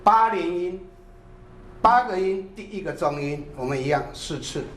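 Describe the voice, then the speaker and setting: A man's voice: high voice, animated, moderate pace, fairly bright tone. Man, drum teacher, calls counts and short cues, echoey room, faint noise behind.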